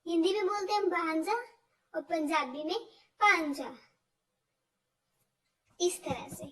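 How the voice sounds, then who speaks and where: A woman teaching word lists, slowly repeating each word with stress. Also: very high-pitched, bright, forceful tone. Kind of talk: explaining vocabulary, slow and repetitive. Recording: voice from far off the mic.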